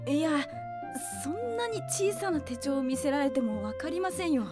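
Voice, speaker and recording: A woman's voice: high-pitched, big pitch swings, normal speed, over music. A woman playing a polite, timid young boy in an audio drama, acting and narrating in the first person. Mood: earnest, anxious.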